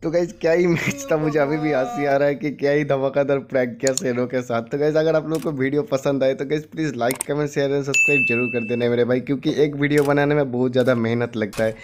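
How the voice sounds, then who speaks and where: A man's voice: fast talker, few pauses, noisy background. A young man, casually commentating his own game and chatting with friends. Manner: chatty, switches from excited to low and subdued. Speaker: gaming YouTuber.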